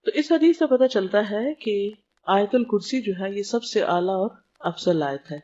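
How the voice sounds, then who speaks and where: A woman lecturing on religion with a mellow, warm tone. She explains patiently, pausing to ask her listeners questions and slipping in everyday English words. The recording sounds dull and lo-fi. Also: mid-range voice, expressive.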